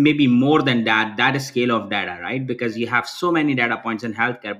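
A Pakistani man with a mid-range, bright and forceful voice answers interview questions earnestly over a video call. As the guest, he frequently restarts his phrases and tends to finish his points with "right?".

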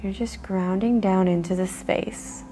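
A woman leading a guided meditation in a soft, soothing way, with breathy pauses. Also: mid-range voice, steady tone, slight background noise.

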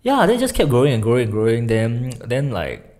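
A man's voice: mid-range voice, very animated, a little fast, a little mellow. A young Singaporean man in a casual interview as the guest, speaking informal Singlish and often repeating his phrases. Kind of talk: casual chat.

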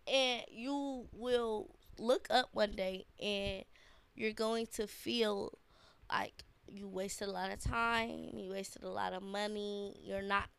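Congested from a sinus infection, this young adult podcast host drifts through slow, slangy solo chatter packed with fillers. Her pitch is medium and her intonation fairly even, with vocal fry and a smooth sound that has no echo.

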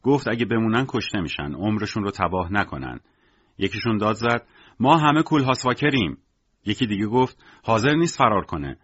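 Husky low-voiced man narrating a story. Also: no room sound. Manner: colloquial storytelling, lively rises and drops. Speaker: audiobook narrator. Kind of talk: scripted narration. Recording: dull, dry lo-fi recording.

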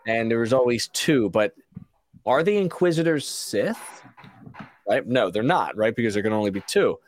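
Host, male, mid-pitched, opinionated rambler, dry close sound. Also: animated, moderate pace, dry recording. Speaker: podcast host. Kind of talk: casual show review chat.

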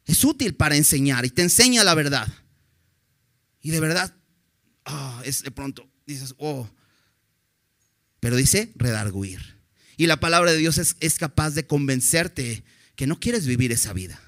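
Male preacher, fairly high voice, earnest and direct, keeps asking the congregation questions. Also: expressive, unhurried, pauses often, fairly bright tone. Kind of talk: sermon.

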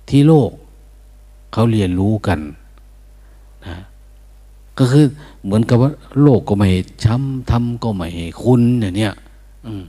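A man's voice: on the low side, mellow, slightly rough. An older man, a Buddhist monk, giving an informal dharma talk in an easygoing, chuckling way, now and then breaking into chant to show how it should sound.

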